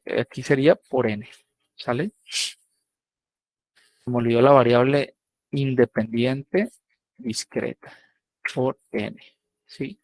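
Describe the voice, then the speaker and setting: A man teaching a live online coding lesson, casual and checking in with students often. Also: medium pitch.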